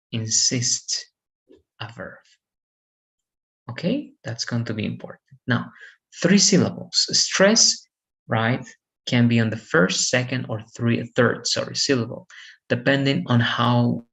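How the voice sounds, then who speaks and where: Gravelly-voiced man teaching English vowels. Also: mid-range voice, fairly bright tone, rough recording. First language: Spanish. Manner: lists example words with frequent "right?" checks. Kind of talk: lesson on vowels and word stress.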